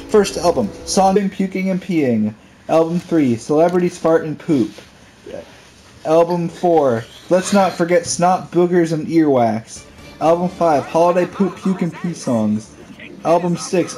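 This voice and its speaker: A man's voice: fairly high pitch, a little slow, dark tone, soft background music. A young man chatting and joking while playing a video game together with a friend, reeling off silly lists. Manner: goofy, jokey, rattles off silly lists. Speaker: gamer. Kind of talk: casual co-op gaming chat. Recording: noisy home gameplay recording.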